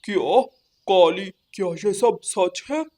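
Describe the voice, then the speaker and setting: A woman's voice: medium pitch, expressive, takes it slowly, warm tone. A woman voicing a male crow in a cartoon, a worried brother and husband, earnest and a bit helpless.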